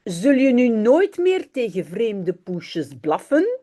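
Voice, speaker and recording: A woman reading the lines of an eager young boy who scolds his dog, in a lively storybook voice. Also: a little high, slow pace, full character voice. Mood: scolding.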